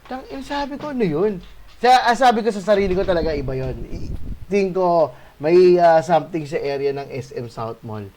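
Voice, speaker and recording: Man, host, high voice, animated casual storytelling, sprinkles swearing. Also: moderate pace, a little hiss or hum. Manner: animated, swears, many tag questions. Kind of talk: casual storytelling of a ghost encounter.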